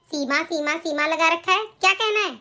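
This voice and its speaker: A woman's voice: very high-pitched, normal speed, sharp tone. Woman voicing a wronged young wife. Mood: aggrieved. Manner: defiant, aggrieved. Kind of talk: animated cartoon voice acting.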